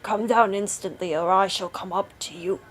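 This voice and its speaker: A woman's voice: fairly low pitch, a little slow, breathy edge, voice pushed down, heavily acted. A woman voicing a merciless, menacing husband in a storybook tale, with stern, commanding threats. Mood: bellowing impatience. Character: menacing, merciless murderous husband with a great saber. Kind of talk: storybook character voice.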